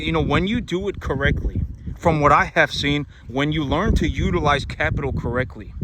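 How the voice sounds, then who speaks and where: A man's voice: on the high side, noisy background. A man who raises cattle, talking casually and emphatically to his audience, repeating points and restarting sentences often. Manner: repetitive, emphatic, many restarts and fillers. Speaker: cattle rancher vlogger. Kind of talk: casual monologue to camera.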